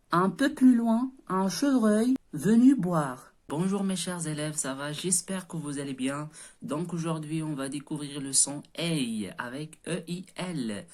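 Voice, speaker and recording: Slow, patient woman teacher. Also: fairly low pitch. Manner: slow, patient, spells out letters and praises often. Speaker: primary school teacher. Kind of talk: recorded reading lesson for children.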